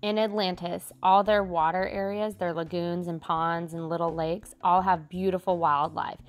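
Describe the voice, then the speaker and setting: A woman's voice: fairly low pitch, little pitch movement, normal speed, faint music behind. A woman giving chatty, appreciative travel vlog narration in a casual style. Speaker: travel vlogger.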